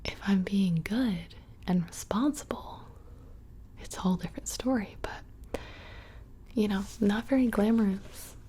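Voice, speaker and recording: A woman's voice: mid-range voice, a little slow, pauses often, mellow, a little hiss or hum. A young woman whispering casually and close to the microphone, rambling through questions in an ASMR video. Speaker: ASMR creator. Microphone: close studio microphone.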